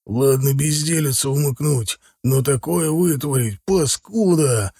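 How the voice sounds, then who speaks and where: Male narrator doing a hot-tempered, cursing brother; gruff, dark, growling. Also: mid-range voice, no echo, studio quality. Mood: furious. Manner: growling, menacing, slow.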